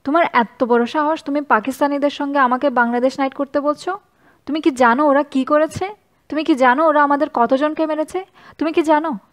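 A woman voicing an excitable, patriotic young male student who talks in hurried, blustering outbursts. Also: very high-pitched, pitched above the performer's own voice. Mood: furious.

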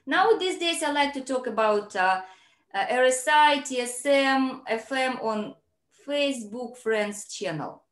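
A woman's voice: high-pitched, expressive, unhurried. Chatty woman host on a video call. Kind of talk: casual online interview. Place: home room, video call. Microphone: laptop mic on video call. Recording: roomy echo.

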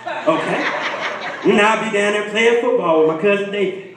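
A man preaching in a church, telling folksy stories with laughter and rising shouts. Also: high-pitched, normal speed, heavy background noise. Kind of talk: storytelling sermon. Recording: echoey hall from far, crowd.

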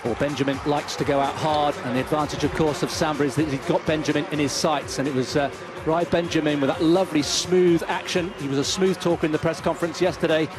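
A man's voice: on the high side, quick pace. Male athletics commentator with music behind. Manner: builds to excited shouting during the race. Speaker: play-by-play commentator.

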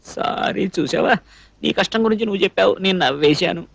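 A man's voice: very high voice, big pitch swings, sharp tone, no echo, heavily acted. An actor playing a fussy, naive young male cook who scolds and rambles, in a dubbed film comedy. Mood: flustered. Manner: scolding, rambling, quick outbursts.

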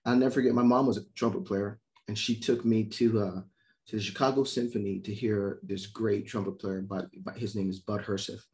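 A middle-aged man from Miami, a trumpet player, telling animated stories in casual conversation over a video call. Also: lowish voice, a little fast. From Miami, Florida. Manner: animated storyteller, acts out quoted voices. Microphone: video call mic.

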